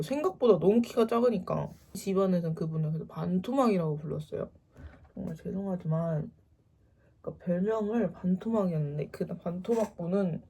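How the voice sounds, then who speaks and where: Husky young woman telling a story. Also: lowish voice. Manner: animated, acts out quoted lines. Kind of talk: casual storytelling.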